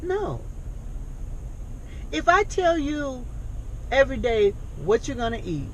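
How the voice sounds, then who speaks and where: A woman's voice: sits high, sing-song, slow, a little hiss or hum, low-quality recording. A woman in her sixties who runs a thrift store and reentry program, talking earnestly and emphatically in a casual conversation. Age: 60s. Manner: earnest, emphatic, questions pointedly.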